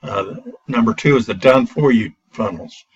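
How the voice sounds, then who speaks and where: A man's voice: mid-range voice, moderate pace, slightly rough. A man giving a casual product review, recorded through a built-in laptop computer mic, talking in a hesitant way with frequent "uh" fillers and restarts. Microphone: built-in computer microphone. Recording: dull lo-fi laptop mic, distant.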